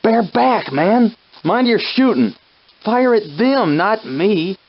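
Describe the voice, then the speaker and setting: A man's voice: high-pitched, animated, slow pace, muffled recording, heavily acted. A man playing a plucky, loyal army private in a video game, with an old-fashioned folksy soldier's way of speaking. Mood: excited shouting. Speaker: game character companion. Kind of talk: scripted video game character acting, old-time dialect.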